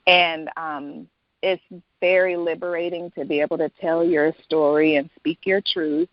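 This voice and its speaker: A woman with a lowish, gravelly voice talks at a measured pace yet sounds animated, with no room sound around her. She's an author appearing as an interview guest, chatting casually in a reflective, conversational way. The recording has a dull lo-fi quality.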